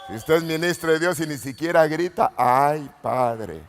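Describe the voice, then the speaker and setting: A man preaching a Pentecostal sermon as an apostle, swinging from low murmurs to sudden shouts and calling out questions to the congregation. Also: a little fast. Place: church retreat hall. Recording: long hall reverb.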